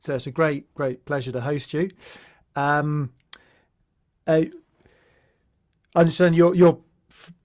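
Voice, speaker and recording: A man's voice: a little high, slow pace, long pauses, darkish tone. A man hosting a podcast interview, talking in a casual, hesitant way with many fillers and restarts. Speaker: podcast host.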